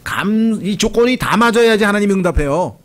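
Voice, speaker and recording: A man's voice: high voice, lively intonation, a little fast. A middle-aged Korean pastor preaching with a slightly raised voice. He talks to his congregation in a loose, conversational way, often slipping into the voices of people praying or complaining. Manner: conversational preaching, acting out prayers and quoted voices. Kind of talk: sermon.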